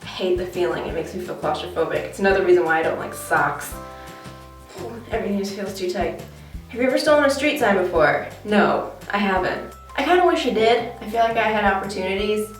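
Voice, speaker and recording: Soft music plays behind a young American vlogger from Connecticut whose medium-pitched voice is brisk and distant from the mic. Recording indoors in a small, echoing bathroom, she talks to camera in a casual, informal, chatty way for a tag video.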